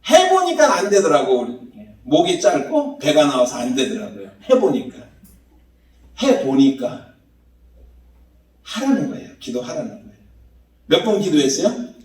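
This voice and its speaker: A man preaching a Sunday sermon in a church, talking to the congregation in a lively, conversational way and often asking them questions. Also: on the high side, unhurried, long pauses. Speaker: pastor. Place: church sanctuary. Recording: roomy church hall, mic at a distance.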